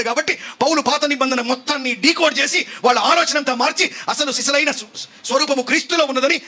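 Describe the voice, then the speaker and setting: A male pastor preaching a sermon, emphatic and full of rhetorical questions that build to shouts. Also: very high voice.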